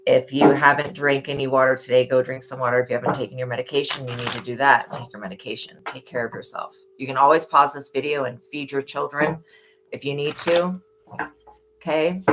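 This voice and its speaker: A tarot reader with a strikingly deep, hoarse voice, raw from yelling, hosts a live-stream reading. She gives earnest, motherly reminders and becomes preachy on the subject of faith. The recording is low quality with slight background noise.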